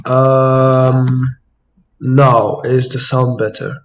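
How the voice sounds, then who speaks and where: Slow, hesitant man thinking aloud. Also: mid-range voice, level tone, slight background noise. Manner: hesitant, lots of fillers and self-corrections. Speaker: chess sparring partner. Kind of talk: casual chess chat. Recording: poor-quality microphone.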